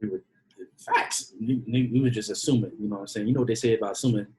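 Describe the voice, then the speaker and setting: A man in his twenties, a podcast guest in casual chat, laid-back and slangy and quick to poke fun at himself. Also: fairly low pitch, steady tone, darkish tone, poor audio. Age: 20s.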